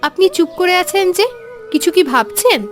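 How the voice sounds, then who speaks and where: A woman voicing a gentle, reassuring young daughter-in-law in a cartoon. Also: very high-pitched, animated, moderate pace, soft background music.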